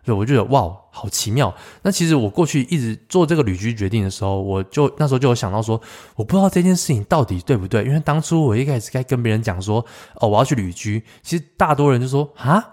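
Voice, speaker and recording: A young adult man hosting a solo podcast, telling a personal story in a reflective way, often pausing and restarting his sentences. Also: mid-range voice, animated, darkish tone. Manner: reflective, halting with many fillers and restarts. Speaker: podcast host.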